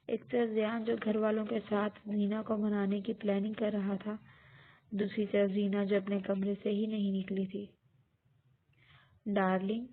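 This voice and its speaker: Flat-voiced woman narrating a novel. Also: medium pitch. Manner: steady, even reading. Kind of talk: scripted audiobook narration. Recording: tinny phone-like audio.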